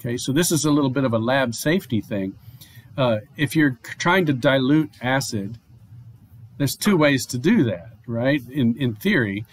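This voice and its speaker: A man's voice: medium pitch, expressive, normal speed, a little hiss or hum. Man teaching a chemistry lecture. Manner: explanatory, with frequent fillers and restarts. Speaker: chemistry professor. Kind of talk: recorded online lecture. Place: home or office, online lecture.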